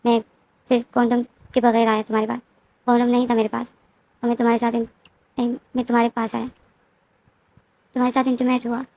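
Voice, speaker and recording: A woman's voice: sits high, steady tone, moderate pace, long pauses, lightly acted. A woman voicing a possessive apologetic older brother. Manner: apologetic, soft.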